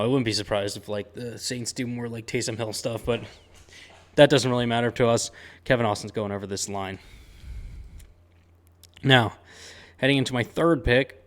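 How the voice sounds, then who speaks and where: Chatty man talking sports picks. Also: lowish voice. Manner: chatty and upbeat, with frequent "um" and "uh" fillers; slangy, excited sports talk. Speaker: sports betting picks host. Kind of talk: casual betting-picks talk to camera.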